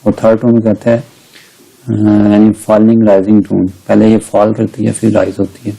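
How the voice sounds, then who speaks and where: A middle-aged man giving a recorded language lecture, patiently explaining step by step and slowly modelling each sound. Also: lowish voice, level tone, vocal fry, dark tone, poor audio. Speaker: language teacher.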